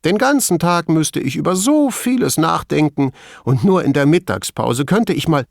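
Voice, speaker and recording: A man reading an audiobook, voicing a middle-aged male lab chief who is smug and gossipy, raising his voice high and letting it swing widely. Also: moderate pace, gravelly, no room sound, clean studio sound. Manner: high, animated, mocking bursts.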